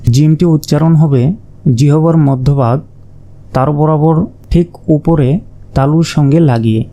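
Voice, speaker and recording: Man, slow patient lesson, mellow voice, repeats each letter. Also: a little high. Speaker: Quran reading teacher.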